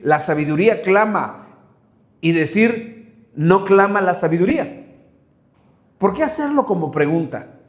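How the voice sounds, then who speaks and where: A man's voice: high voice, roomy sound. A man from Mexico with a Mexican Spanish accent, preaching a sermon and asking one rhetorical question after another. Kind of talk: sermon Bible study.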